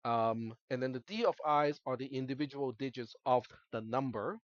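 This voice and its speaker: This man, a native Cantonese speaker working as a college instructor, speaks at a moderate pace in a mid-range voice while lecturing a class, explaining each step and often checking in with quick tag questions. Captured as a screen recording in the classroom, the audio has no echo and lacks high frequencies.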